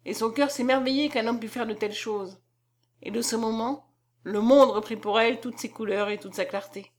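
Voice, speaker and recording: A woman's voice: on the high side, fairly even intonation, normal speed. Woman narrating a classic novel. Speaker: audiobook narrator. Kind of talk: scripted literary narration.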